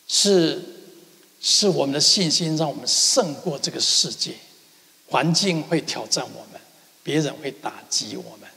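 A man's voice: medium pitch, vocal fry, bright, forceful tone, big-room sound. A man preaching as a pastor in a church, telling stories with acted-out dialogue and sound effects. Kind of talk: sermon. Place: church sanctuary.

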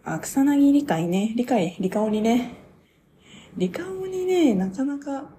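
A young woman talking casually on her own radio show, reviewing a stage play as an excited, gushing fan who laughs often. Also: a little high, slow pace, a little hiss or hum. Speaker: podcaster.

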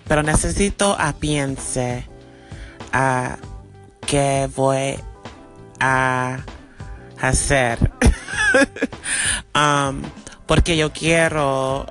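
A native English speaker records a casual voice message at a very slow pace, searching for words. The pitch is mid-range, and faint music plays behind. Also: a bit bright.

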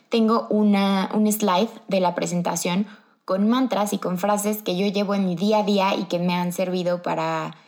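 A woman's voice: fairly low pitch, darkish tone. An upbeat woman with a Mexican accent hosts a motivational podcast. She is chatty and talks straight to her listener. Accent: Mexican Spanish. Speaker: podcast host.

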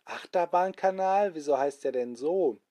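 A man voicing an excited young child on a sailing adventure, full of eager questions. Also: on the high side, normal speed, close to an everyday voice. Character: excited young child sailors, Rummel and Bummel.

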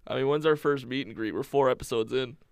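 A man's voice: mid-range voice, fast, creaky, smooth, no echo. Joking young man, dry close sound. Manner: joking, self-deprecating banter. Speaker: podcast co-host. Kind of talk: casual chat.

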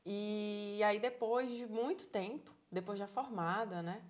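Thirties woman, Bahian Brazilian accent; animated, encouraging interviewee. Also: mid-range voice, measured pace. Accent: Bahian Brazilian Portuguese. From Salvador, Bahia, Brazil. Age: 30s. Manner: animated storyteller, acts out quoted dialogue, encouraging. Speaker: interviewee, psychologist living abroad. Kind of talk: casual conversational interview.

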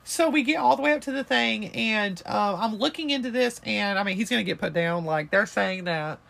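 A woman's voice: mid-range voice, a little fast, creaky, a bit bright. A young woman, co-hosting a casual podcast chat, rambling and swearing freely. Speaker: podcast co-host.

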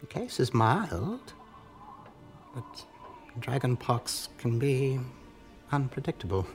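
An actor playing a grave middle-aged man who leads and consoles, measured and commanding. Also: mid-range voice, very animated, faint music behind. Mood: tender.

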